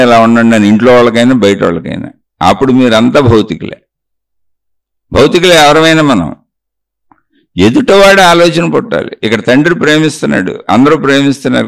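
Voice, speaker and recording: A man speaking at a middle pitch, giving a spiritual talk aimed straight at the listener. He asks pointed questions and tells a story, repeating phrases as he goes. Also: creaky. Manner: addresses the listener directly with rhetorical questions.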